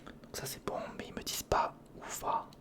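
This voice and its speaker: An ASMR video creator mutters to themselves at normal speed in a breathy, unvoiced whisper while working with their hands. They repeat short slangy phrases close to a studio condenser or handheld recorder.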